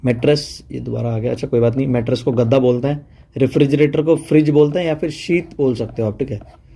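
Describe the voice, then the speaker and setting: A man's voice: mid-range voice, fairly even intonation, fast, creaky, warm tone, slightly rough. A man giving a casual online vocabulary lesson, chatty and full of fillers, checking in often with his listeners. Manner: chatty, mixes Hindi and English, says "ठीक है" often. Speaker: teacher.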